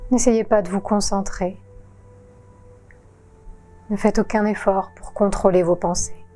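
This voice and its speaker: Slow, soothing woman guiding a yoga nidra. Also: mid-range voice, faint music behind. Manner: calm, soothing, with long pauses. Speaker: yoga teacher. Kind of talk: guided relaxation narration.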